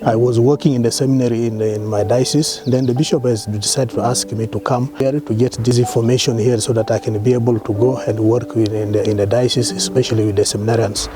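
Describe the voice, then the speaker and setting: A priest from South Sudan giving an interview testimony, halting and repeating words as he goes. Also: mid-range voice, steady tone.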